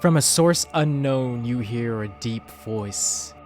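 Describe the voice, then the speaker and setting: A man narrating a tabletop game as game master, with deliberate, dramatic phrasing. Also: mid-range voice, darkish tone, soft background music.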